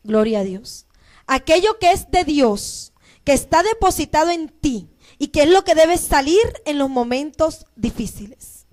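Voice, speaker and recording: A woman pastor preaching a sermon, moving between loud proclaiming and soft, emotional storytelling. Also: high-pitched, animated, unhurried. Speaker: pastor and teacher.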